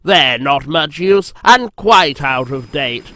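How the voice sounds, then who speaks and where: A man's voice: a little high, lively intonation, slow, bright, forceful tone, full character voice. A man voicing a conceited, boastful helicopter in a storybook reading, snooty and drawling. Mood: bored.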